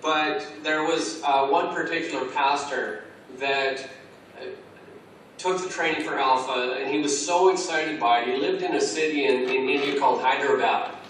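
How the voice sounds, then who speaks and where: A man's voice: fairly high pitch, steady tone, normal speed, a bit bright, slight background noise. Earnest man on an echoey call. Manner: earnest, rambling with restarts. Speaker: Alpha course trainer, interviewee. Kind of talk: call interview. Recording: echoey distant call audio.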